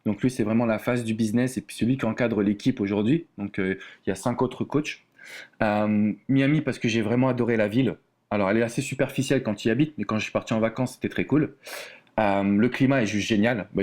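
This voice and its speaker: A man's voice: fairly low pitch, a little mellow. A man from France, a relationship coach, talking casually as a podcast guest, with many fillers and restarts. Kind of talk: casual podcast interview talk.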